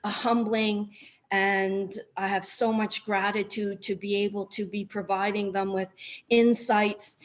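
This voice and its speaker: Slow, earnest woman doctor, dull sound. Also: mid-range voice. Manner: earnest, grateful, inspirational. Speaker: guest, doctor. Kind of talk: conversational interview.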